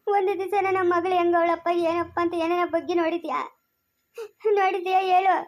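A woman speaking as a mother in a family drama, scolding fast and with feeling. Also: very high voice, level tone. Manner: scolding, emotional, rapid rural speech. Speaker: mother in a village family skit. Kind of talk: amateur family drama dialogue.

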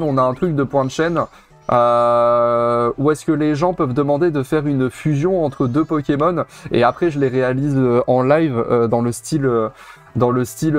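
A man giving casual, chatty commentary while streaming a video game, repeating himself and using many fillers. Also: mid-range voice. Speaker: let's play streamer.

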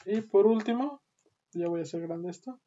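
In a screen-recorded coding lesson, a woman walks through programming step by step, frequently asking "¿sí?" to check in. Her mid-range voice is mellow at normal speed, and the dull lo-fi recording carries clear background noise and keyboard clicks.

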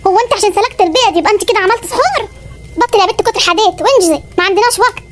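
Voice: very high-pitched, a bit bright, slight background noise. An actor voicing a bossy, scolding Upper Egyptian village mother in a comedy cartoon, with an Upper Egyptian accent. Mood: impatient. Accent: Upper Egyptian Arabic. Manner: scolding, ordering, quick threats.

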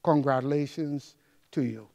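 A middle-aged man giving a formal commencement address on an auditorium stage, reciting with slow, measured pauses. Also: mid-range voice, warm tone. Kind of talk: formal ceremonial speech. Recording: long hall reverb.

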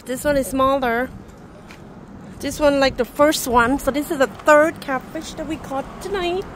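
This native Vietnamese speaker, recorded with a little hiss or hum, has a high-pitched, steady voice and a measured pace. As a vlogger, she chats with viewers and laughs often while fishing on a riverbank at night.

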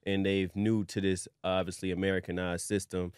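Low-voiced relaxed podcast host man. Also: normal speed, clean tone, no room sound, clean studio sound. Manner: relaxed, conversational, frequent affirmations. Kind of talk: casual interview hosting.

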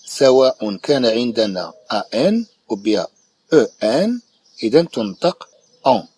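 A man with a Moroccan Arabic accent teaching a recorded primary-school French lesson, explaining slowly and repeating each sound and word several times. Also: mid-range voice, very animated, darkish tone, husky.

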